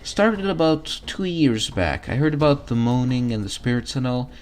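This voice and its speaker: A man's voice: mid-range voice, animated, moderate pace, voice pushed up, lightly acted. A man voicing a kindly, folksy, motherly diner owner woman from a video game. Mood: gossipy. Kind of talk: reading video game dialogue aloud.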